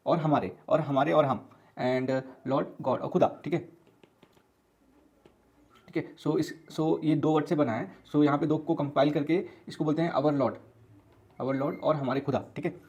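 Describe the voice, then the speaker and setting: A man's voice: fairly high pitch, steady tone, darkish tone, slightly rough, highs cut off. A man giving a casual online lesson, explaining step by step with many repeats and fillers, mixing in English words. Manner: mixes English words into his talk; recites scripture slowly and melodically. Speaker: teacher.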